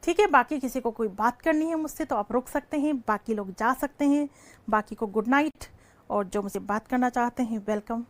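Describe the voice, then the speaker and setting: A woman's voice: a little high, moderate pace. A woman teacher giving a live online lecture, asking questions and answering them herself, and calling her students "beta". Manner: calls students "beta" affectionately.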